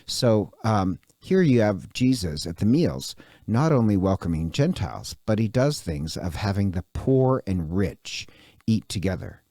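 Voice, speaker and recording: Lively, low-voiced priest teaching. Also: male voice, a little slow, no echo, clean studio sound. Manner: animated, conversational, with restarts and fillers. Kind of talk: recorded parish class introduction.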